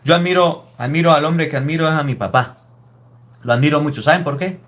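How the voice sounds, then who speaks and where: High-voiced priest preaching. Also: male voice, fairly quick, fairly bright tone. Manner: emphatic, scolding preaching with rhetorical questions. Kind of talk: sermon.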